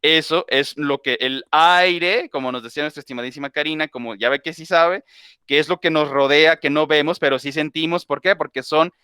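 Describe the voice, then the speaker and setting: Bright, crisp-voiced man teaching a class. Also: fairly high pitch, brisk, no echo, clean studio sound. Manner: explains with homely examples, restarts and self-corrections. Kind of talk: conversational class lecture.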